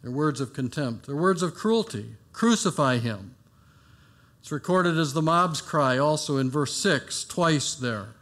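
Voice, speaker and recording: A man preaching a sermon, rising for quoted cries and dropping low and soft at the ends of phrases.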